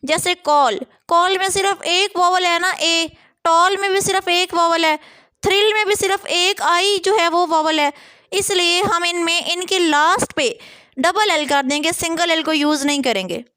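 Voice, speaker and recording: A woman teaching an English lesson. She reads each rule slowly, then explains it quickly. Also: very high voice, pushed and bright, dry recording.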